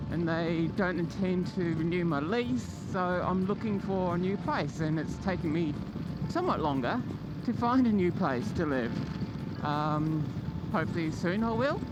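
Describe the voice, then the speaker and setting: A man's voice: high voice, poor audio. A man vlogging casually and unscripted as host of his channel, talking in a rambling, loosely organised way. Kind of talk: casual, unscripted vlog chat.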